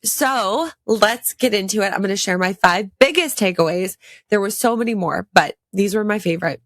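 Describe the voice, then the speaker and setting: A woman's voice: mid-range voice, moderate pace, no echo, studio quality. A woman hosting a casual solo podcast with a congested, stuffed-up voice, talking with enthusiasm and repeating words for emphasis. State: congested from a sinus infection. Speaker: podcast host.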